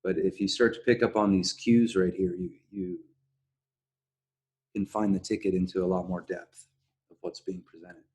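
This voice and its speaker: A man hosting a casual podcast discussion, speaking in a halting way and often backtracking on his words. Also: deep voice, steady tone, a little mellow, husky. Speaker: podcast host.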